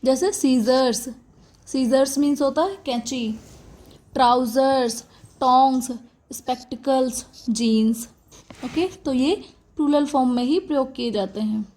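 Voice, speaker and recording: High-voiced woman teaching grammar slowly. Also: darkish tone. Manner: explains patiently, repeating words and checking with "okay" and "theek". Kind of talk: classroom grammar lesson.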